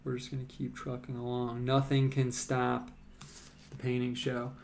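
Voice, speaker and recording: A man's voice: mid-range voice, moderate pace, gravelly. A man chatting casually on a live stream as he paints, rambling loosely with lots of fillers. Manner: rambling, relaxed, many "like"s and fillers.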